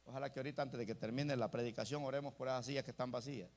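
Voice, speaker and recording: A man's voice: mid-range voice, fairly even intonation, rapid-fire, a little mellow. A male pastor preaching an emphatic sermon, often calling out to the congregation as brothers. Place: church.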